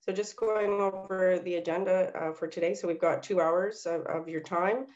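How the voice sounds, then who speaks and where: A woman's voice: on the low side, fairly even intonation, normal speed, darkish tone, lo-fi sound. A woman with a nasal voice, a senior city policy planner presenting a workshop over a video call, with frequent ums and uhs as she asks for the next slides. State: recovering from illness, nasal. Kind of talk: webinar presentation.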